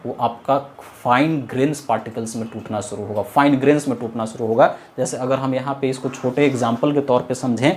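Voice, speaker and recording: A man's voice: mid-range voice, a little mellow, slight background noise. A man teaching an engineering class, explaining step by step, asking questions and answering them himself. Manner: explains step by step, repeats key terms, asks and answers his own questions; mixes English technical phrases into his talk. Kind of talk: classroom lecture.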